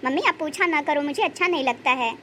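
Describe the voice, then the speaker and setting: A high-voiced woman doing a young daughter-in-law in a cartoon story. She is fiercely protective of her mother-in-law and sharp-tongued about her husband. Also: fast, slight background noise. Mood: cheerful. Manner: protective, scolds and soothes.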